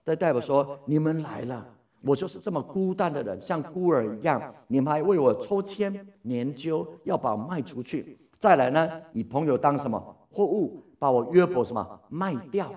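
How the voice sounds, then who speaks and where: A man teaching a Bible study in a lively way, asking his listeners questions and then answering them himself. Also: fairly high pitch, moderate pace, recorded from a distance.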